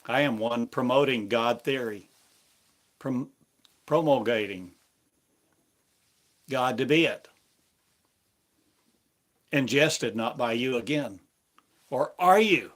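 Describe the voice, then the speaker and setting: A man at medium pitch preaches a prophetic sermon, speaking in God's voice. His delivery is slow and solemn, with long pauses between phrases.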